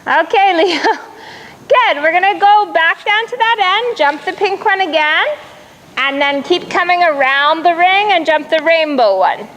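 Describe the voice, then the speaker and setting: A high-voiced woman works as a riding coach, calling out brisk, projected commands and encouragement. She sounds like she is teaching live in an arena, with clear ambient noise around her. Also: expressive, a bit bright, muffled recording. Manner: encouraging, praising the rider. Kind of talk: live riding lesson instruction.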